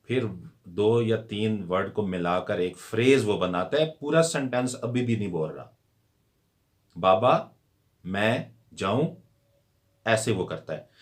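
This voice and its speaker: A man's voice: lowish voice, animated, normal speed, a little mellow. A man explaining a language lesson as a teacher, repeating words and mixing English terms into his speech.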